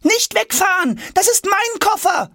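A man's voice: a little high, sing-song, unhurried, a little mellow, slightly rough, dry recording, clean studio sound, pitched above the performer's own voice, heavily acted. A man voicing a curious, impatient young boy in a children's story. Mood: crying out. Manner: eager, pleading when upset. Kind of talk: audiobook character voice.

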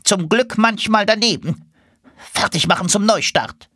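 Man doing a bossy high-voiced duck leader. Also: pushed and bright, dry recording, studio quality, heavily acted. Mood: brisk. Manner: high, brisk, commanding.

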